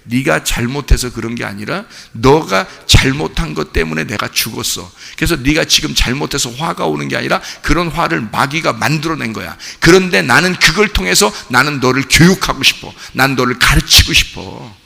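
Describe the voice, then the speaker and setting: A man voicing God in a sermon as a tender, reassuring male voice that gently makes promises. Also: a little high, lively intonation, moderate pace, gravelly, few pauses, full character voice.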